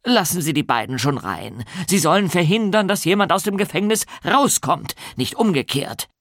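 A man putting on a small, good-humoured pastor, welcoming two children into a prison in this storybook. The voice sits higher and louder than plain narration, lively and bouncing, in a dry, close sound. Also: normal speed, no echo, exaggerated voice. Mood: friendly. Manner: warm and welcoming, upbeat.

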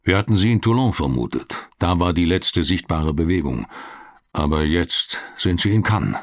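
A man's voice: deep voice, animated, normal speed, no echo. A man reading the part of a serious, authoritative male police official who speaks in a stern, commanding way.

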